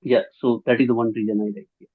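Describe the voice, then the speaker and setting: A man asking a question in an online session, hesitant, full of fillers and rushing ahead. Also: mid-range voice, little pitch movement, breathy edge. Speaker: audience member asking a question. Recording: tinny phone-like call line.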